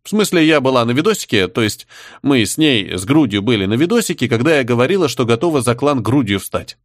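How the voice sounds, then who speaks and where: Man voicing a sulky crude young woman, sighing, lively pitch, dry close sound. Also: quick pace, no room sound, close to an everyday voice. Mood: gloomy. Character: gloomy crude young woman clan member.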